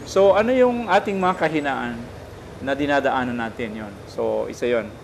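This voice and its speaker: A man, a priest giving a casual spiritual talk, gentle and teaching, often checking in with his listener. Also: medium pitch, expressive, moderate pace, creaky, a little hiss or hum.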